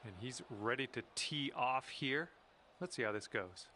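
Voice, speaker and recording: A man's voice: mid-range voice, a little slow. A man giving casual golf commentary, calling each shot in short, reactive remarks. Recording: crowd and outdoor ambience noise behind. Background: crowd murmur and ambient noise.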